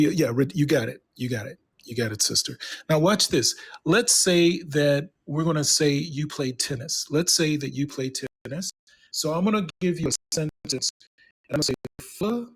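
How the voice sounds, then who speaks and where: A man tutoring English one-on-one, patient and encouraging, pausing to type as he explains. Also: on the high side, breathy edge. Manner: patient, encouraging, talks while typing. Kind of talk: one-on-one online English lesson.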